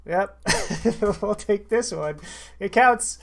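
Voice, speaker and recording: A man's voice: high voice, takes it slowly, gravelly. A man hosting a casual live-stream show, loose and joking, swearing freely.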